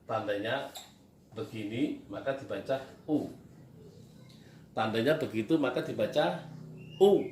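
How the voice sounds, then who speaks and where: A man's voice: mid-range voice, a little slow, long pauses, darkish tone. Man, patient teacher, repeats himself, distant mic, faint background hiss. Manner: patient, repetitive, asks and answers his own questions. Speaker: Quran reading teacher. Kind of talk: whiteboard reading lesson. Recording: echoey room, distant mic, faint noise.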